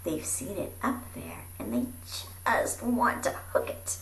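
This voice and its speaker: Highly expressive and theatrical, this female reader takes her time with an animated rhyming picture book, sometimes calling out, sometimes sinking into a breathy whisper. Her amateur recording is roomy and echoey, with a faint noise floor.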